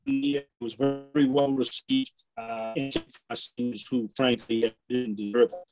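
A man speaking over a video call from home, his audio breaking up and dropping out as he talks in a halting way with many fillers and restarts. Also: medium pitch, vocal fry, over music, low-quality recording. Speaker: district attorney speaking to a political committee. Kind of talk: campaign update speech. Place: at home, indoors. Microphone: phone or laptop on a video call.

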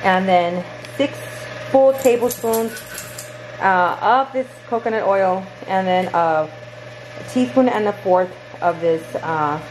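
A woman's voice: medium pitch, takes it slowly, darkish tone, slight background noise, poor audio. A woman talking casually to her camera in a home vlog. She rambles, restarts sentences and searches for words as she goes. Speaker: vlogger. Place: at home, then in a car.

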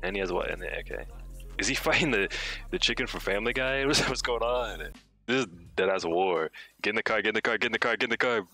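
Excitable young male streamer, bright voice. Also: lowish voice, quick pace, soft background music. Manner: excitable, bursts of shouting and laughing, slangy. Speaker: livestreamer. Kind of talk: casual live stream chat reacting to clips.

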